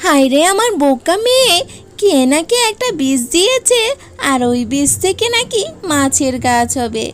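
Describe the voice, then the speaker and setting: A woman voicing an expressive village mother in a cartoon, fond but quick to chide. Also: high voice. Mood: chiding. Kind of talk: cartoon character acting.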